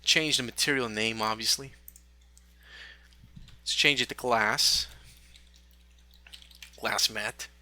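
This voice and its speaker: A man teaching a software tutorial, talking through each step in a relaxed way with small fillers. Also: mid-range voice, slow pace, long pauses, no room sound. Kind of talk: screen-recorded software tutorial.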